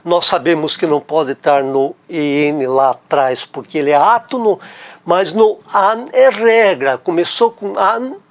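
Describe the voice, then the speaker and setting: Slow, patient Brazilian man teaching. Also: on the high side. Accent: Brazilian Portuguese. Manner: patient, repeats key words, checks in with tag questions. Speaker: German teacher. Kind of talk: explanatory language lesson.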